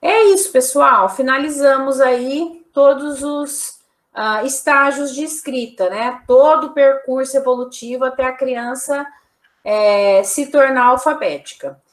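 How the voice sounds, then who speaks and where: A woman's voice: sits high, measured pace, reverberant. A woman teacher giving a recorded online lecture, explaining examples one by one with frequent tag questions.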